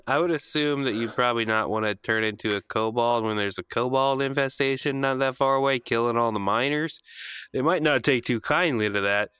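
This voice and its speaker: A man's voice: medium pitch, normal speed, smooth, no echo. A man playing a tabletop role-playing game, joking and laughing often as he talks. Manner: animated, laughs often, jokey. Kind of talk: casual tabletop role-play.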